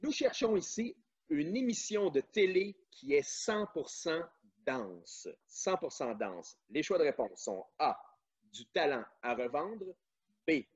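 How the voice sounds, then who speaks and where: A man's voice: on the high side, husky. A man from Quebec, hosting a family quiz and reading out questions and answer choices. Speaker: quiz host. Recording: dull lo-fi sound.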